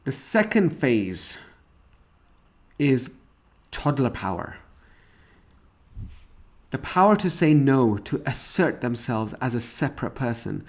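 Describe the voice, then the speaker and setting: A man's voice: mid-range voice, animated, takes it slowly, pauses often, darkish tone. A man delivers a recorded parenting lesson, explaining stages and examples one after another. His voice sits in an ordinary middle range. He often stops and restarts a phrase before carrying on. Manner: explanatory, with frequent restarts and fillers; walks through examples and stages step by step. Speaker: parenting course instructor. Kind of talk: recorded course lecture.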